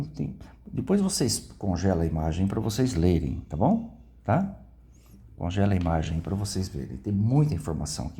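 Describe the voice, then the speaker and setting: A man's voice: deep voice, mellow, breathy edge. A Brazilian man with a Brazilian Portuguese accent, giving an informal Bible lesson and often checking in with his listeners. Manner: conversational, frequent tag questions. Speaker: Bible teacher.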